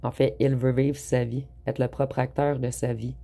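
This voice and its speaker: A tarot reader, giving an unhurried spoken reading with frequent hesitant pauses. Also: medium pitch, level tone, warm tone.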